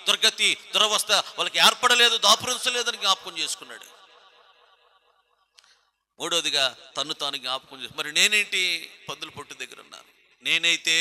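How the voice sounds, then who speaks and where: A man preaches a sermon in a high, piercingly bright voice. He speaks with a Telugu accent, stacking repeated phrases and rhetorical questions. He now and then calls on members of his congregation by name. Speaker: pastor.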